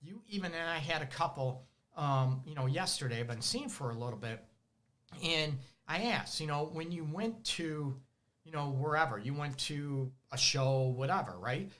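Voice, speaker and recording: A man's voice: fairly high pitch, expressive, normal speed, a bit bright. A man with a Detroit accent, a relationship counselor hosting an advice show, talking animatedly and often laughing as he acts out his clients. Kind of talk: casual advice monologue. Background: dogs barking at times.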